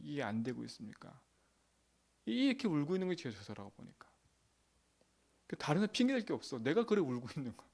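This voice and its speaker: Male pastor, middle-aged, fairly high gravelly voice, casual emphatic sermon delivery that keeps asking the room to agree. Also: a little mellow. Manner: emphatic, colloquial preaching with frequent repeated phrases; asks the congregation for agreement. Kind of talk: dawn prayer sermon.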